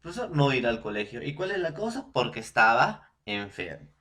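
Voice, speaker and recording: A man's voice: medium pitch, sing-song, moderate pace, bright, forceful tone. Man with a Peruvian accent, teaching. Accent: Peruvian Spanish. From Peru. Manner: repetitive, often checks in with "¿no?" and "entonces"; addresses students directly as "jóvenes". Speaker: language teacher. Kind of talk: recorded classroom lesson.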